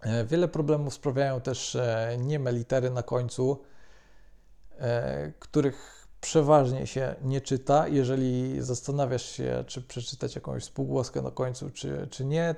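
Male language teacher, mellow gravelly voice, measured delivery with fillers. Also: mid-range voice, little pitch movement. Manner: measured, hesitant with frequent fillers. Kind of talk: explanatory lesson.

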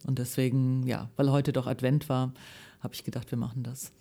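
Woman guest reader in a radio studio, warm mellow voice, lively children's-book storytelling. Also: fairly quick. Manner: lively storytelling with shifting pitch. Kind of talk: live reading of a children's book, then chat.

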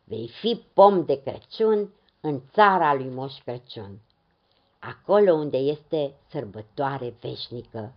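A woman's voice: very deep voice, lively intonation. A woman voicing a kindly, wondering old Father Christmas in a storybook tale, on a dull lo-fi recording.

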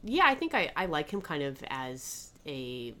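A woman's voice: low voice, sing-song, measured pace, fairly bright tone. A woman co-hosting a fantasy football podcast in casual chat, agreeable and hedging. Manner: agreeable, many backchannels, hedging.

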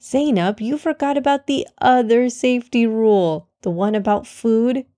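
A woman's voice: a little high, moderate pace, dark tone, no room sound, studio quality, lightly acted. A woman voicing a patient young boy who explains things earnestly in a children's storybook. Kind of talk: storybook reading.

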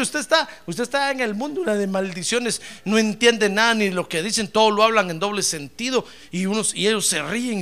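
A man preaching a sermon as pastor, with animated delivery that swings from low asides to loud praise, often calling listeners "brother". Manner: addresses listeners as "hermano". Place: church.

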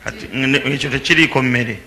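A man preaching to a congregation, lively and teasing, pausing for his interpreter. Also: medium pitch. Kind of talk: sermon with live interpreter. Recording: echoey hall with faint background noise.

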